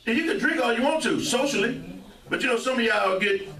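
Joking St. preacher in an echoey church. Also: male voice, very high-pitched, lively intonation, a little fast, a crowd in the background. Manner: joking, call-and-response with many amens. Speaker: pastor. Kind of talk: sermon. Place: church sanctuary. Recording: echoey church hall, mic far off, congregation audible.

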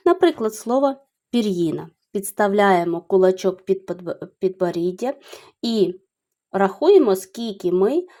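A middle-aged woman gives a video lesson to young children at an unhurried pace. She explains each point slowly and carefully, breaking words into syllables. Her voice sits at an ordinary middle pitch. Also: mellow. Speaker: primary school teacher.

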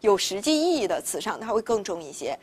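A woman's voice: mid-range voice, big pitch swings, fairly quick, slightly rough. A woman teaching Spanish vocabulary in a recorded lesson, explaining step by step with many rhetorical questions.

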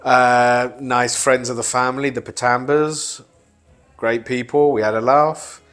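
A man's voice: medium pitch, flat delivery, unhurried, a bit bright, soft background music. A man, sharing wry, joking opinions at home. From London, England. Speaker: interviewee. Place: home room.

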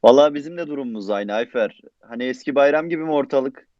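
Radio drama: man as dutiful busy cop, rapid familiar delivery, muffled sound. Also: medium pitch, a little mellow, close to an everyday voice. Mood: busy, resigned. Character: busy, dutiful policeman son heading home. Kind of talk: Turkish radio theatre acting. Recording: dull, distant call-like sound.

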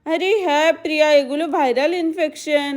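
A woman's voice: high voice, fairly even intonation, a little fast, lightly acted. A woman voicing a caring village girl who comforts her sick younger sister. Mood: comforting.

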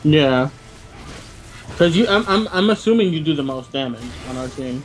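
A man with a New York accent chatting casually during gameplay, laid-back with quick game callouts. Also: on the high side, lively intonation. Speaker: co-host gamer. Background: game music.

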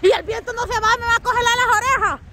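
A woman vlogging outdoors in the snow, shouting encouragement, laughing and teasing her family. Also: very high-pitched, fast, a crowd in the background, background noise. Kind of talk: casual outdoor vlog chatter.

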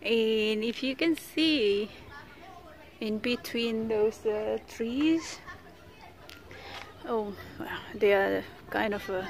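Worn out by the heat, a woman vlogger chats her way through a laid-back walking tour of a tree-lined beach park, laughing often and using plenty of fillers. Her voice is on the high side, creaky and very slow, with frequent pauses.

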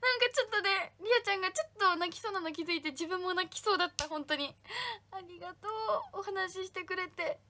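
A woman's voice: extremely high pitch, fast, few pauses, sharp tone, slight background noise. A young woman hosting a casual livestream, reading fan comments aloud and thanking viewers by name in a bubbly way. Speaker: idol livestream host.

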